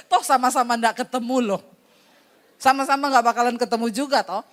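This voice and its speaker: High-voiced woman pastor telling lively sermon stories. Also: moderate pace. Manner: animated storytelling, acting out people in her anecdotes, laughing often. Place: church service.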